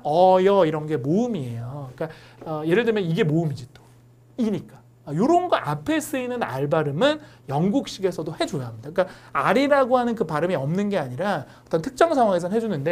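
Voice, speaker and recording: Fast, lively woman teaching English. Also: on the low side. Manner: lively storytelling explanation. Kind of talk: online lecture.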